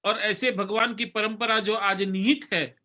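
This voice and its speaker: A man giving a religious sermon, then slowly reciting a devotional hymn line by line for listeners to repeat. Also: high voice, fairly even intonation, pushed and bright. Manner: earnest, instructive, leads the chant slowly line by line. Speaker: spiritual teacher. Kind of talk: sermon and slow stotra recitation.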